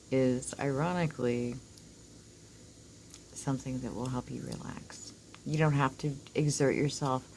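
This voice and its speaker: A woman's voice: low voice, a little mellow, slight background noise, poor audio. A woman with a whistling s, giving a casual, rambling oracle card reading to viewers, informal and happy to swear. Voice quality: whistling s from dental work. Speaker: oracle card reader, host.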